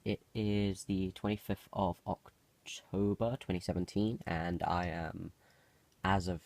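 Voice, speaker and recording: A young man talks in a low, gravelly voice, roughened slightly by a cold. He gives a casual video-diary update, hesitating and doubling back on himself as he rambles. The recording is close and dry. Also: flat delivery, slow pace, a little mellow, no room sound. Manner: hesitant, self-interrupting. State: has a cold. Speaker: video diarist.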